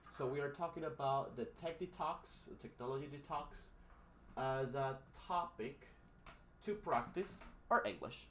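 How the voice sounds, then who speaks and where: Speaking slowly in a medium-pitched, fairly bright voice, a man runs a live English lesson over faint hiss or hum. He explains vocabulary and pronunciation loosely, switching between Spanish and English and often hesitating, filling pauses and restarting.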